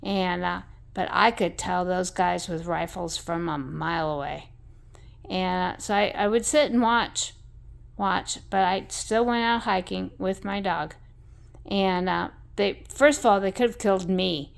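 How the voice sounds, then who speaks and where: A woman's voice: lowish voice, unhurried, creaky. A woman telling a rambling story in a blunt, salty way, full of fillers and asides. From American West.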